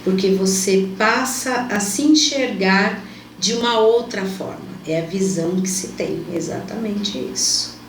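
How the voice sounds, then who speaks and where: Calm slow-talking woman giving advice, mic far off, faint hum. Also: medium pitch. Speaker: hairdresser and hair therapist guest. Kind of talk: interview answers. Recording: echoey room, mic at a distance, faint background hum.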